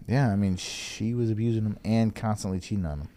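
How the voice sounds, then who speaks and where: A man in his thirties, a company chief on a podcast, joking in a deadpan way with drawn-out pauses. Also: lowish voice. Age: 30s. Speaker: podcast guest, company CEO. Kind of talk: casual podcast chat.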